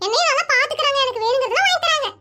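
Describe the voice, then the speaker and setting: A chirpy cartoon schoolgirl who chatters on with giggles in her voice, voiced by a performer. The voice is extremely high, quick and bright. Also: lively intonation, heavily acted. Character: cheerful young girl, chatty. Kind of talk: animated comedy cartoon voicing.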